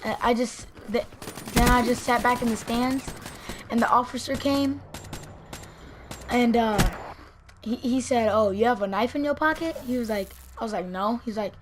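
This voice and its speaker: A teenage vlogger telling a story casually and acting out the quotes with lively energy. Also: female voice, on the high side, normal speed, background noise. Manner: animated, acts out quotes.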